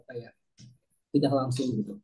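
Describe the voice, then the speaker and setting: Polite, hesitant student answering in class, husky and dark-voiced. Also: medium pitch, fairly even intonation, normal speed.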